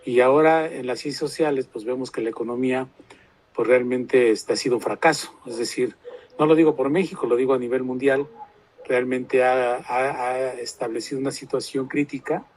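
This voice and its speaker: A man speaking over a video call. His voice has an ordinary mid pitch. He asks his questions hesitantly, stumbling through many fillers. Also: steady tone, normal speed, darkish tone, low-quality recording. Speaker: audience member asking questions. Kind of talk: question in academic discussion.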